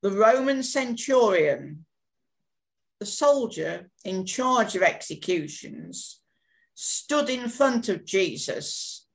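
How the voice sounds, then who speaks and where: Slow, deliberate female narrator. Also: mid-range voice. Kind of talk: scripted scripture narration.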